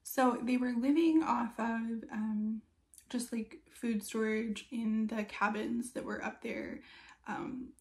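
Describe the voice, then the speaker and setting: A woman's voice: a little high, steady tone, slow, creaky. A woman around her thirties giving a casual, chatty book review in a conversational way, with loose asides. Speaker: book reviewer and video host.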